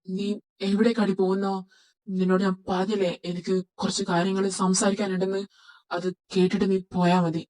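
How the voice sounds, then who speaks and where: A woman's voice: mid-range voice, level tone, a little fast, a little mellow, close to an everyday voice, low-quality recording. A woman voicing a rude, short-tempered young male boss who scolds his assistant. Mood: domineering. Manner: scolding, domineering. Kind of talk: Malayalam fan audio drama.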